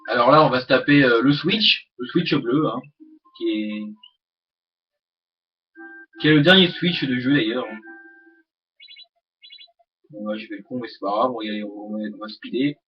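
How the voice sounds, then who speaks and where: A young man's husky, mid-range voice comes through a dull lo-fi mic with game music behind it. Hosting a casual let's play at a moderate pace, he pauses often, rambles with many hesitations, and swears at the game.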